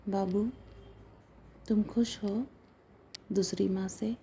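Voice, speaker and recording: A woman voicing a gentle father of two who softly questions his young son in a told story. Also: mid-range voice, fairly even intonation, slow pace, slight background noise. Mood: questioning.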